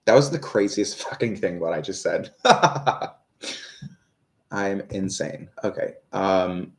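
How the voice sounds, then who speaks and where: With a low voice, vocal fry and a moderate pace, a man in his thirties runs a live tarot session. He swears and wanders off topic, restarting often and using lots of fillers while he addresses viewers and reads their questions.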